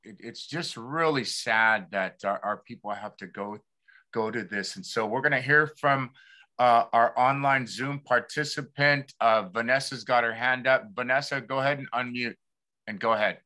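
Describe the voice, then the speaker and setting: A man from the Pacific Northwest United States hosting an informal community talk show, speaking haltingly and repeating words as he searches for the next one. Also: medium pitch, sharp tone. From Lummi community, Pacific Northwest United States.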